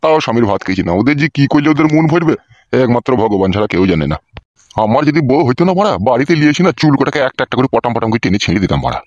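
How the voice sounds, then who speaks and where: A gruff older village uncle in a comedy cartoon, blunt and rustic in his talk. He speaks very fast in a mid-range voice on dull, lo-fi audio. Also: medium pitch, sing-song, darkish tone, no echo. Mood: grumbling.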